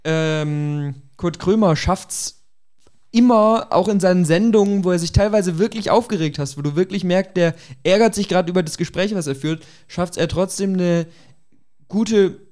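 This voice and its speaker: Higher-voiced man in casual podcast talk. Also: normal speed, a little mellow.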